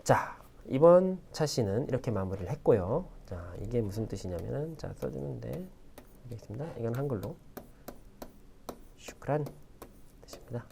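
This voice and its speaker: Lively man teaching a language lesson. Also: mid-range voice, brisk, creaky, a little hiss or hum. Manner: lively explanatory teaching, frequent "자" prompts; writes with a pen while explaining. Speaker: Arabic language instructor. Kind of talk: recorded video lecture.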